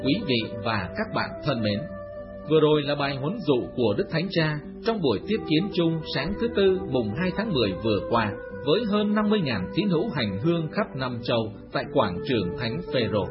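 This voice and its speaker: A man's voice: medium pitch, sing-song, a little fast. A man reading a scripted religious radio news segment in a formal way. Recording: lo-fi radio recording with music behind.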